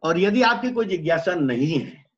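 A theatre director with an Indian Hindi accent speaks with blunt, earthy emphasis. His voice sits high for a man. The sound is muffled, as a video call usually is. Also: sing-song, normal speed. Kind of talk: online workshop conversation.

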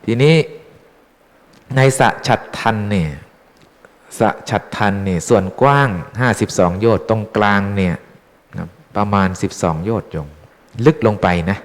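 Low-voiced monk chatting thru a dharma talk, teasing the crowd w questions, echoey temple hall. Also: male voice, expressive, normal speed, pauses often. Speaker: Buddhist monk teaching dharma. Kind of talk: informal dharma talk to lay followers. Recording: long hall reverb.

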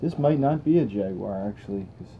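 Young guy rambling about his toy cars, low dark voice, faint hiss in the background. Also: brisk, muffled recording. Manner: relaxed, rambling, thinks aloud while testing cars. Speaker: toy channel host. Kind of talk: casual hands-on toy car commentary. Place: indoors at a table of toy cars.

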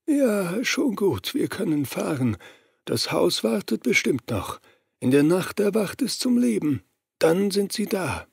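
A male audiobook reader voicing a sinister cursed man who is slowly turning into a ghost, speaking softly and slowly with an eerie grin. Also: sits high, sing-song, vocal fry, breathy edge, no room sound, clean studio sound, voice pushed up, full character voice. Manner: soft, slow, creepy whispering tone.

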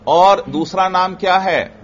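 A man's voice: high-pitched, takes it slowly, crowd noise. A male religious teacher giving a classroom lecture on grammar, drilling students by asking questions and answering them himself. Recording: muffled lo-fi recording with faint hiss.

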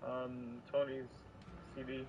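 A young man on an online party chat, talking quietly and casually about games while his voice echoes back and repeats. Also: medium pitch, completely flat delivery, slow, muffled recording, background noise. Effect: echoing voice chat, phrases repeat back. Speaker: gaming friend on party chat.

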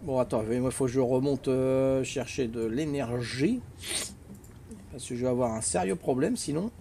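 A man's voice: medium pitch, normal speed, creaky, mellow, slight background noise. An older man with a Corsican accent, chatting casually and teasingly with viewers while playing a game on a live stream. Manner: teasing, chatty, peppers talk with "hein".

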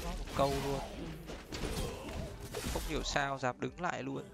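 A man commentating his own gameplay live, teasing and excitable, laughing often. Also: mid-range voice, unhurried, vocal fry. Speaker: gaming streamer. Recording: music playing behind.

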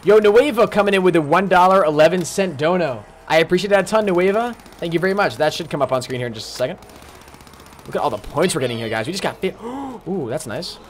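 A man commentating his live game stream, chatting along and greeting viewers by name with sudden excited outbursts. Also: high-pitched, quick pace, a little hiss or hum.

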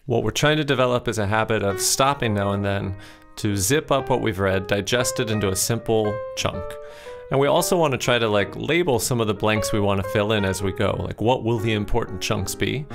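A man teaches a casual test prep lesson in a lowish voice. He is conversational and playful, and he acts out his thoughts as he reads. Faint music sits behind him. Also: gravelly.

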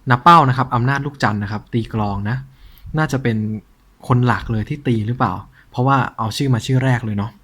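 A man hosting a collector's show in a casual, informal show-and-tell style, with a slightly husky voice. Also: mid-range voice, fast talker, fairly bright tone. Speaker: host of a cassette collection show.

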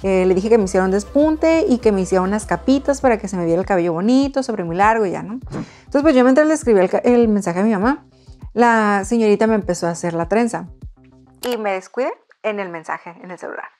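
A woman, telling a personal story to her viewers in a chatty, expressive way. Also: medium pitch, quick pace, faint music behind. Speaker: vlogger. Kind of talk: casual storytelling.

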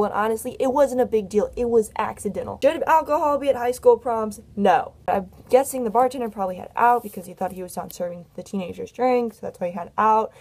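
A young woman vlogger telling a personal story in a chatty, candid way, her voice a little hoarse because she is losing it. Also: medium pitch, darkish tone. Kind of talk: casual storytelling vlog.

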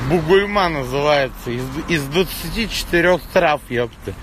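A man in his thirties ranting casually on a livestream as he walks, swearing constantly like a rough street thug. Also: fairly high pitch, expressive, moderate pace, fairly bright tone. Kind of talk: casual livestream chat while walking. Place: outdoors on a city street. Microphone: phone at arm's length. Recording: noisy outdoor street, traffic.

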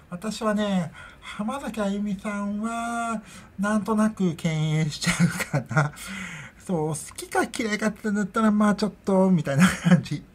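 A woman's voice: medium pitch, a little mellow. A middle-aged woman hosting a casual solo podcast chat, rambling and chatty and laughing often, into her own microphone. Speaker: podcast host.

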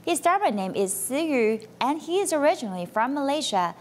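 A woman reading a scripted news voice-over in an even, measured way. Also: sits high, slight background noise. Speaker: news narrator. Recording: voice-over with loud music bed.

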